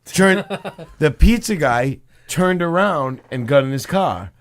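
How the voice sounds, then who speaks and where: Lively, animated podcast guy. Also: fairly high pitch, slow. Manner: animated storyteller, laughs often. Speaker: podcast co-host. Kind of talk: casual chat.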